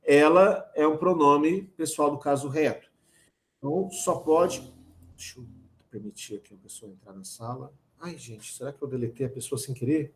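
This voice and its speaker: A man with a Brazilian Portuguese accent teaching a lively online grammar class, talking straight to his students with teasing asides. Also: on the high side, normal speed, reverberant, a little hiss or hum.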